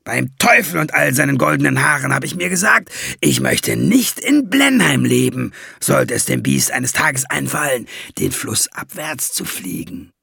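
A man's voice: mid-range voice, sing-song, a little slow, vocal fry, hardly any pauses, bright, forceful tone, breathy edge, dry recording, studio quality, full character voice. A man reading an audiobook and voicing a sly, sarcastic dwarf who needles people with mocking questions. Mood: tall tale. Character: sly, mocking male dwarf, blunt and gruff.

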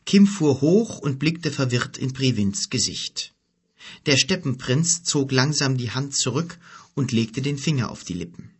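Husky-voiced male audiobook narrator. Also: medium pitch, expressive, a little slow. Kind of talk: scripted fantasy narration.

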